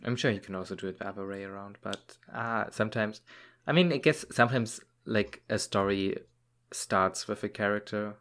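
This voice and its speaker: A man's voice: on the low side, moderate pace, a bit bright. A man chatting casually on a podcast, hesitant and restarting often. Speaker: co-host.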